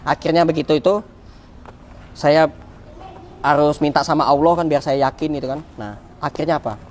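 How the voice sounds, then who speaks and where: A man's voice: a little high, moderate pace, slight background noise. Man telling a story with big swings. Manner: vivid, repetitive, swings from loud to hushed. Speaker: interview guest. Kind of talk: animated personal storytelling.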